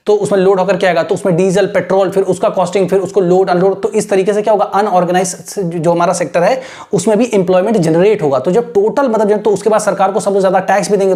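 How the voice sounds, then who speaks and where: A man whose voice is high and a little mellow teaches English grammar for exam aspirants. The lecture switches between Hindi and English as he goes step by step, checking in with "right?" almost constantly.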